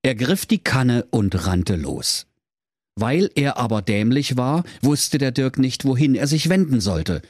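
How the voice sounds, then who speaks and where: Guy reading a silly fairy tale, super animated up and down, dry close mic. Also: mid-range voice, dry recording. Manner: mock-solemn storybook telling. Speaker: storyteller. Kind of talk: comedic fairy-tale narration.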